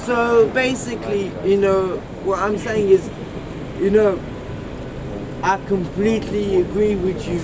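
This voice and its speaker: A man from France chatting on the street in a rambling, halting way, repeating himself. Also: high-pitched, steady tone. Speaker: passer-by. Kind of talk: street conversation. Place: outdoors on a city street. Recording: loud street noise, off-mic.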